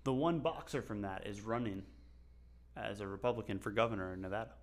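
This podcast co-host, a man local to Las Vegas, rambles and jokes through a casual show, laughing often. He speaks a little fast in a lowish voice.

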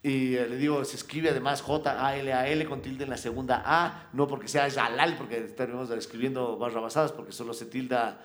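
A middle-aged man, a podcast guest chatting casually and telling rambling stories with lively swings in pitch. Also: brisk, few pauses. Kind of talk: casual chat.

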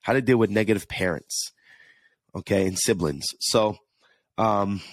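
A man's voice: fairly low pitch, unhurried, no room sound. A man with a New York–New Jersey accent, hosting a casual solo podcast and talking earnestly, often repeating words as he goes. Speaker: podcast host.

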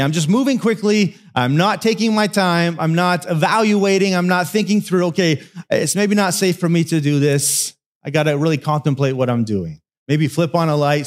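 Pastor, male, fairly high voice, relaxed sermon delivery with jokey asides. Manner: conversational storytelling, joking asides.

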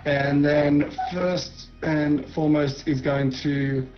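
A man talking casually as a tabletop game player, a little halting as he works out his moves. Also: on the high side, flat delivery. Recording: dull lo-fi audio. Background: music.

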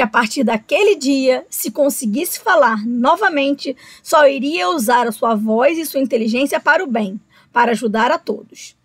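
High-voiced woman reading a children's story. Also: no room sound. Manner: slow, expressive, addresses children.

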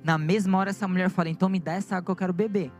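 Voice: medium pitch, fairly even intonation, rapid-fire, a little mellow, soft background music. A preacher with a Brazilian Portuguese accent, retelling a Bible story in vivid everyday speech before building to fervent exhortation in a sermon.

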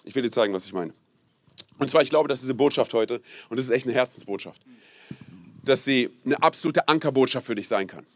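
A young man as a pastor giving a casual, animated sermon, peppered with "hey" and asking the audience to repeat phrases. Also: medium pitch, a little fast. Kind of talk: lively sermon.

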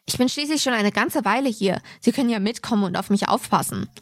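A woman's voice: medium pitch, expressive, quick pace, dry recording. A woman voicing a teenage boy held captive, pleading urgently to be let out.

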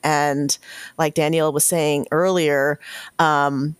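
A woman's voice: low voice, level tone, slow, clean tone, no room sound. A woman guest on a podcast, answering reflectively with many fillers and restarts. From Washington State, US.

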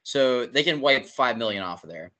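A man co-hosting a casual hockey podcast, animated and profane as he reads through statistics. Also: mid-range voice, moderate pace. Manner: animated, swears, rattles off statistics. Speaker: podcast co-host. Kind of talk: casual sports talk.

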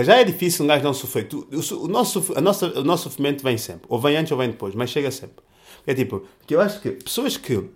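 A man's voice: mid-range voice, darkish tone. A young man with a European Portuguese accent, talking in a casual reflective monologue full of slang, restarts and fillers.

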